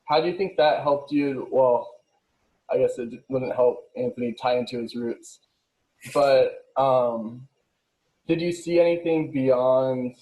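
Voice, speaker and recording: A young man hosting a relaxed interview, his voice mellow and dark. He asks long, friendly questions that wander and restart. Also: mid-range voice, rough recording. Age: young adult. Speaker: host.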